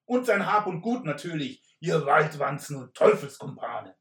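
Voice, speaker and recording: A gray-bearded old knight, put on by a man reading aloud, bellows in archaic, theatrical phrases. His gravelly voice rings out in a roomy space. He sounds pompous and loud in a storybook reading. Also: expressive, normal speed, natural voice. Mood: bellowing. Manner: booming, theatrical, archaic speech. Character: blustering old knight in chain mail. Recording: roomy echo.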